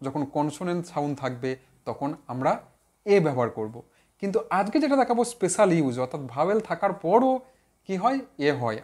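A man teaching an online grammar lesson. He talks straight to his viewers, asks and answers his own questions, and slowly repeats example words to drill their pronunciation. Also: a little high, darkish tone.

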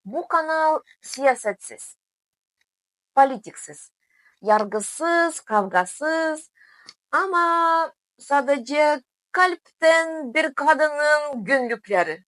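A woman with a foreign accent speaking simple, halting learner's Turkish with small grammar slips, in a casual video diary. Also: high-pitched, expressive, fairly bright tone, no room sound. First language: not Turkish. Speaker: vlogger.

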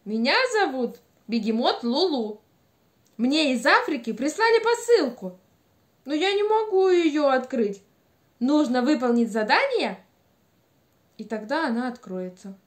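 A woman puts on an eager little hippo from a children's puppet play. The voice is very high and lively in pitch, with a friendly, simple, childlike way of talking. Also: measured pace, pauses often. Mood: friendly, pleading.

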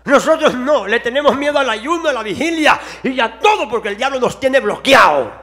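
A male preacher with a strikingly high-pitched voice delivers a sermon. He moves from hushed, probing questions to loud, fervent shouting. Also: expressive, a little fast. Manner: fervent, shifting between quiet questions and shouting.

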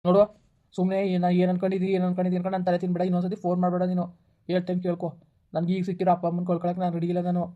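A woman's voice: fairly low pitch, completely flat delivery, phone-quality sound, lightly acted. A woman playing a harsh, dismissive young man breaking up with his girlfriend in a village skit, talking in curt, scolding bursts. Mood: scornful. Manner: curt, scolding, rapid-fire.

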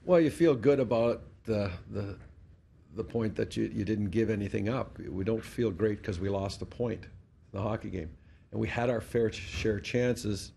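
A man's voice: lowish voice, moderate pace, vocal fry, dark tone, a little hiss or hum. A middle-aged Canadian man answering reporters at a post-game press conference, blunt and matter-of-fact, talking into a desk mic. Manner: blunt, matter-of-fact, restarts words often. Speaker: hockey head coach. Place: press conference room in front of a sponsor backdrop. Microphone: desk mic on a stand.

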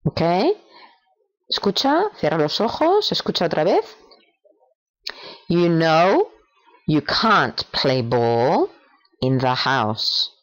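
Lesson voice, woman, low but lively, drags english words out slow. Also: poor audio. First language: Spanish. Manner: slow, exaggerated English modeling between quick instructions. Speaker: English teacher for parents. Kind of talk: bilingual language lesson.

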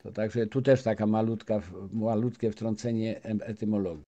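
Halting man, mellow voice. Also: lowish voice, level tone, muffled recording. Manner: halting, many restarts and filler sounds. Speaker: guest speaker. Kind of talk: lecture-style talk to an audience.

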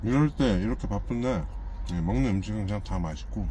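A man's voice: lowish voice, animated, fast talker, mellow, slight background noise. A man talking while chewing, chatting plainly in a casual eating vlog from his parked truck. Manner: plain, matter-of-fact, frequent "네" fillers. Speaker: truck driver vlogger.

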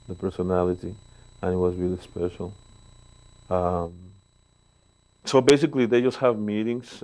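Sitting on a sofa in a living room, a bass player in his sixties from Mexico talks as a guest in a relaxed interview, his Mexican Spanish accent coming through a lapel mic. His low voice is warm as he tells stories with filler-laden pauses, though the audio quality is poor.

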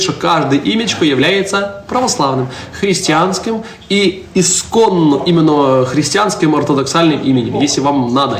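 A man in his twenties, a priest chatting on a live stream in a church, answering viewer comments and teasing his little daughter. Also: a little high. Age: 20s. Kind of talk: casual live-stream chat. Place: church interior. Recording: roomy echo, faint background noise.

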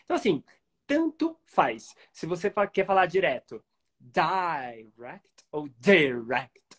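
A man teaching English pronunciation in a casual video lesson, slowing down to model each word. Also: high-pitched, huge pitch swings, breathy edge. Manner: slow, deliberate model pronunciations between quick explanations.

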